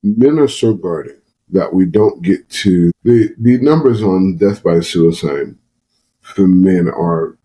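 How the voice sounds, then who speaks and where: Man, podcast guest, earnest and animated, mellow dark tone, low voice. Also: slow, husky, poor audio. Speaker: guest psychologist. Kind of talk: podcast conversation.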